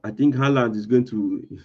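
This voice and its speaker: A man hosting a casual football chat in a tinny voice with no bass, hesitant and full of fillers and restarts. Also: unhurried, darkish tone, breathy edge. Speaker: podcast host. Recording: thin lo-fi audio lacking bass.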